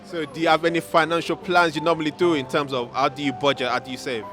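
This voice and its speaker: A male street interviewer fires off brisk, probing questions. He speaks quickly, and music plays clearly behind him outdoors. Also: a little high, flat delivery.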